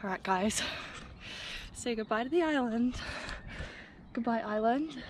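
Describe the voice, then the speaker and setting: A woman's voice: on the high side, expressive, unhurried. A woman chatting casually to camera outdoors by a lake, giggly and swearing now and then. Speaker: vlogger. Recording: outdoor noise behind voice.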